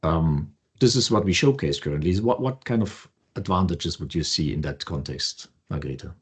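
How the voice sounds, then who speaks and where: A man co-hosting a podcast, casually walking through a software demo with loose, restarting phrasing. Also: sits low, normal speed, breathy edge. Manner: relaxed, loose, restarts often. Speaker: co-host.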